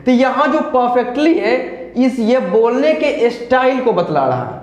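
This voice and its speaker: High-voiced man teaching grammar in a Hindi accent. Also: big pitch swings, unhurried, echoey room. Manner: patient, explains step by step with repeated examples. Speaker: English teacher. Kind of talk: classroom grammar lesson.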